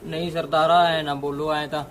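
A man's voice: on the high side, level tone, moderate pace, a bit bright, close to an everyday voice. A man with a Punjabi accent acting as a poor, humble laborer who begs for flour for his hungry children. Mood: pleading. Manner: pleading, humble. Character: poor pleading laborer, father of hungry kids.

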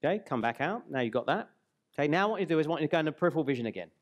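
A man in his forties giving a live seminar on a hall stage into a headset mic, guiding the audience through an exercise and slowing on key words. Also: on the high side, lively intonation, highs cut off. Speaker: speaker and trainer.

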